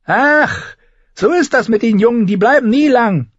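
A man voicing a brash red-haired woman calling loudly down from a window in an audiobook. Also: very high-pitched, lively intonation, unhurried, husky, dry recording, highs cut off, pitched above the performer's own voice, exaggerated voice. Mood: mocking. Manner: loud, mocking, called from afar.

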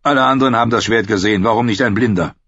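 A man voicing a stern, curt middle-aged king who speaks in a clipped, commanding way with a husky voice. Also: on the low side, racing, fairly bright tone, no room sound, voice pushed up. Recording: dull lo-fi audio.

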